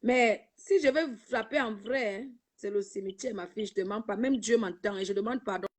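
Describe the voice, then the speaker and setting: A woman hosts a live video stream, speaking to the camera in a mid-range voice at a slightly fast clip. She's emotional, moralizing and repetitive, saying "ma fille" again and again, with audio captured by her own camera.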